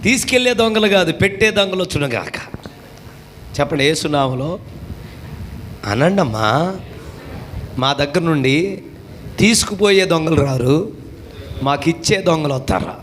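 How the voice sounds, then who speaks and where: A man with a Telugu accent preaches a fervent revival sermon, his voice riding high and often breaking into shouted calls for the crowd to clap and say amen. A faint hum of the gathering sits behind him. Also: lively intonation, unhurried, long pauses. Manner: shouts commands for amens and clapping, wide swings in pitch. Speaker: pastor. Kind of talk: call-and-response revival sermon. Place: church gathering.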